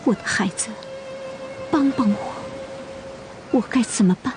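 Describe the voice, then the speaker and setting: A woman's voice: a little high, unhurried, background noise, lightly acted. An actress playing a headstrong, lovesick young Russian woman in a period TV drama, insistent and pleading. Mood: anguished. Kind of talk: television period drama acting.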